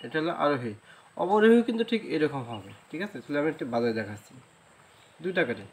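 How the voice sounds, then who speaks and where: A man's voice: on the high side, sing-song. Patient Bengali man teaching flute rhythm. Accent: Bangladeshi Bengali. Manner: patient, repeats steps, checks with "right?"; sings sargam syllables slowly. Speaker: music teacher. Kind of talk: flute lesson, spoken instruction.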